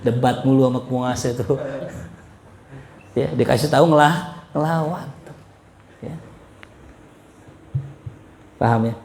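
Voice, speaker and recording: A man's voice: mid-range voice, measured pace, vocal fry, pauses often, darkish tone. A man giving a casual religious study lecture as a preacher, chatty and joking, chuckling often. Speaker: Islamic preacher. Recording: roomy echo.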